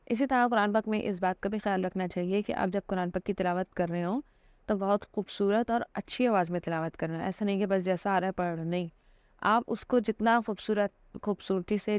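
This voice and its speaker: A woman's voice: medium pitch, a little mellow, clear, resonant tone, no room sound. A woman giving an informal religious lesson, explaining patiently with frequent fillers and check-ins. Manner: patient and explanatory, with many fillers and repeated "theek hai". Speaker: Islamic teacher.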